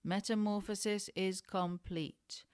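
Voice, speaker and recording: Woman, experimental literary reading, very slow pace, deliberate, repetitive incantatory delivery. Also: mid-range voice, fairly even intonation, darkish tone, clean tone. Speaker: reader. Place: indoors in Tangier.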